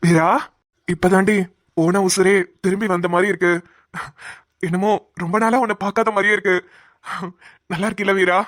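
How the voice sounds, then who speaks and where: A woman voicing a gentle injured village husband. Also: medium pitch, fairly even intonation, moderate pace, long pauses, natural voice. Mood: tender. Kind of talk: Tamil cartoon voice acting.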